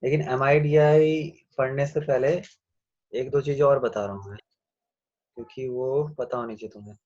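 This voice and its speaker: A man teaching a class over a video call, explaining slowly and answering his own questions. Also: mid-range voice, steady tone, a little mellow, dull audio. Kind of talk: online class lecture.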